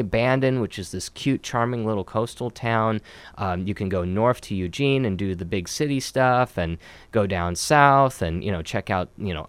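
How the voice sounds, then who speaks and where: A man's voice: lowish voice, no echo. A man from Oregon answering interview questions about his job as a city communications specialist, in an upbeat, chatty way with many fillers.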